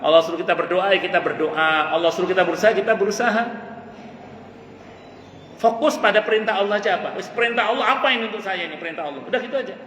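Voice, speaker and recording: A man's voice: sits high, fast talker, fairly bright tone, slight background noise. A man giving a mosque sermon, earnest and conversational, asking questions and answering them himself. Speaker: preacher. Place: mosque hall. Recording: echoey mosque hall with long reverb.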